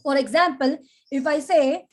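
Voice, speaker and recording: A woman teaching a live public speaking class, animated and demonstrative, often checking in with "yeah?". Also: high-pitched, moderate pace. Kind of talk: live online class lecture.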